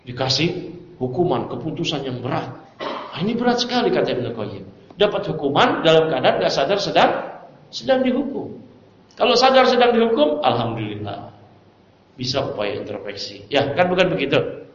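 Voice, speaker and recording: A man's voice: a little high, normal speed, a little hiss or hum. A man teaching a religious study class, asking his listeners rhetorical questions and reciting Arabic phrases between his explanations. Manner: animated, asks the audience rhetorical questions. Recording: dull, echoey hall recording.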